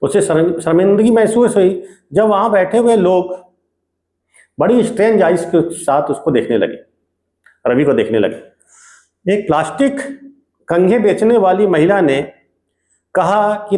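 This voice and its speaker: A man teaching a lesson by retelling a story in a relaxed, conversational way, stopping now and then to check in. His voice sits high, and the recording carries a noticeable room echo. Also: measured pace, long pauses. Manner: casual storytelling with frequent check-ins like "okay". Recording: echoey room.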